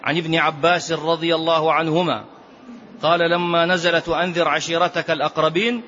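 A man's voice: a little high, flat delivery, a little fast, bright, forceful tone, slight background noise. A man teaching a religious lesson on prophetic biography, reciting narrations emphatically and repeating key phrases. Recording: dull lo-fi lecture recording.

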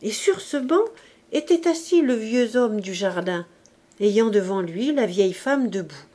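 A woman reading a classic novel aloud as audiobook narration, measured and deliberate. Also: mid-range voice, animated, mellow. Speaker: audiobook reader.

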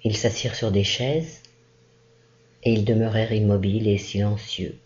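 A woman reading a classic short story aloud in a slow, measured, expressive narration. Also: extremely low pitch, dull audio. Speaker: reader. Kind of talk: literary audiobook narration.

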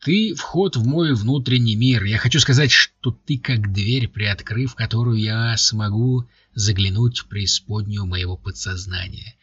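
A man's voice: fairly low pitch, unhurried, few pauses, fairly bright tone, husky, no room sound, muffled recording. A man voicing a flustered hero who lectures and then protests in exasperation. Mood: lecturing. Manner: exasperated, pleading.

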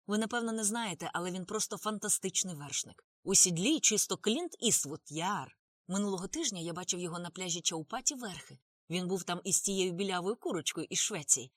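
A woman's voice: on the low side, lively intonation, fairly quick, no room sound. A woman plays an eager young man who rambles on with enthusiasm, his speech bouncing up and down. The recording is close and dry. An audiobook character voice. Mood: enthusiastic. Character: cheerful chatty young Indian man.

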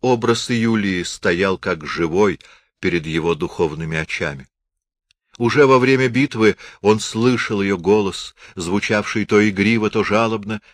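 Low-voiced male audiobook narrator. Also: no echo, clean studio sound. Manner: steady literary reading with dramatic swells.

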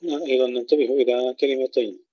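A man teaching tajweed, explaining rules and then reciting words slowly with long drawn-out vowels. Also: mid-range voice, fairly even intonation, mellow, husky, no room sound, highs cut off. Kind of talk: tajweed lesson with recitation examples.

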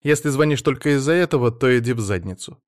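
A man voicing a gruff, sarcastic female soldier in an audiobook, grumbling and rude. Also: medium pitch, animated, quick pace, no echo, clean studio sound, voice pushed up, close to an everyday voice. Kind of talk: audiobook reading.

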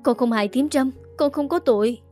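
A woman's voice: on the high side, fairly even intonation, normal speed, darkish tone, faint music behind, lightly acted. A woman voicing a wronged young wife who pleads in a choked voice. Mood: pleading.

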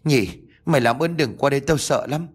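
A man's voice: a little fast, slightly rough, faint music behind, natural voice. A man voicing a terrified young man who pleads with a ghost in a ghost story. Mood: panicked. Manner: panicked, pleading, high-strung.

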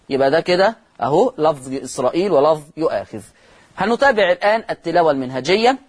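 A man with an Egyptian accent teaching Quran recitation rules on a broadcast lesson, repeating key words, asking and answering his own questions, and drawing out example words slowly. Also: a little high, slightly rough.

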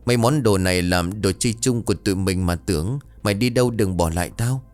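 A man's voice: lowish voice, quick pace, darkish tone, lightly acted. A man voicing a tearful village boy in a storybook tale, pleading with his friend not to leave him.

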